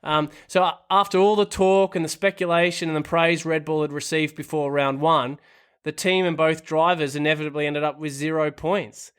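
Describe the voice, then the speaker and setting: Man, podcast co-host, casual discussion, fairly high voice, lays out long recaps, asks questions. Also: steady tone, normal speed, a bit bright, smooth.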